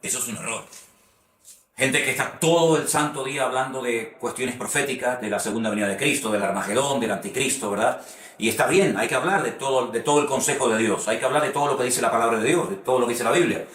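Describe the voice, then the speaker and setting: A man's voice: medium pitch, quick pace, fairly bright tone, roomy sound, far from the mic. A male pastor, preaching a sermon about preaching, who often repeats phrases and asks rhetorical "¿no?" questions.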